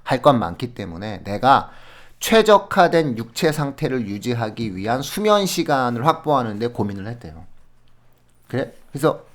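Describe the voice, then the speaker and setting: A man on an education podcast, telling classroom stories in an animated way and laughing often as he gives advice. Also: mid-range voice, normal speed. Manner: animated storytelling with frequent laughs; explains in a friendly advising way. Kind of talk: conversational podcast talk.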